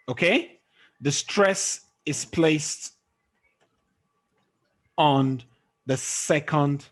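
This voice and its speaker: Lively husky-voiced male English teacher. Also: a little high. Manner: checks understanding often with "okay?". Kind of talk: online tutoring lesson.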